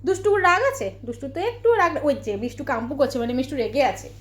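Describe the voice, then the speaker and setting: High, lively woman coaxing her parrots. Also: quick pace. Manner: coaxing, sing-song baby talk to birds. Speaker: pet vlogger. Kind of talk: casual home video with pet parrots. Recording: echoey room, faint noise.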